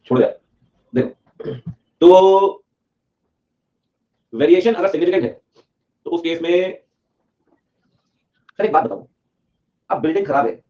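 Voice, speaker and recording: The speaker is a young man from Delhi, India, with a medium-pitched voice, lecturing on accounting in a lively classroom style. He animatedly acts out skits as an auditor and a client using playful, funny voices, and the lo-fi audio sounds dull.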